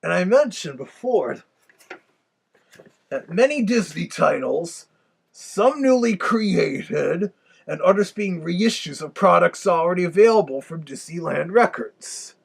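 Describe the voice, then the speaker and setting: A man voicing a cartoon Big Bad Wolf with a gravelly, raspy voice, giving a wry, theatrical review commentary. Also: sits high, lively intonation, unhurried, full character voice. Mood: chatty, wry.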